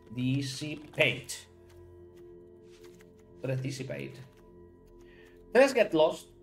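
A man from Spain with a Spanish accent, chatting casually on a live stream while building a card deck and talking to viewers. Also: fairly high pitch. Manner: chatty, thinks aloud, talks to chat viewers by name.

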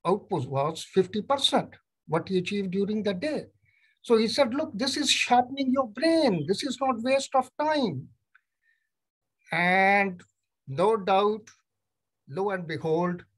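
Here a neurologist, an older man from Punjab whose native tongue is Punjabi, relates his life in Indian English for an interview, calling in by video from a room at home. The voice sits high and husky; the telling is measured and story-like, with quoted exchanges acted out.

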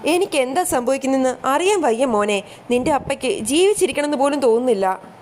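A woman voicing a troubled middle-aged mother who answers in slow, heavy-hearted words, with a high voice. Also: expressive, darkish tone. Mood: despairing.

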